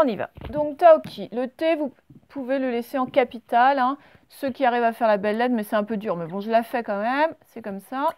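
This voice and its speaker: A woman's voice: fairly high pitch, a little mellow, clean tone, dry recording. A woman teacher in a classroom at the blackboard, patiently talking pupils through joined-up handwriting step by step. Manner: slow, patient step-by-step dictation. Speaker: primary school teacher. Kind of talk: recorded handwriting lesson.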